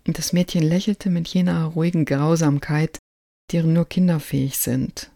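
A book podcast host giving a dramatic literary reading aloud, breaking into loud shouting for the quoted cries. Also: medium pitch, flat delivery, normal speed, gravelly, no room sound, studio quality.

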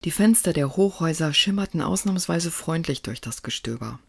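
A narrator reading a story aloud in a calm, even storytelling manner. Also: medium pitch, fairly quick, gravelly, slightly rough, no room sound, studio quality.

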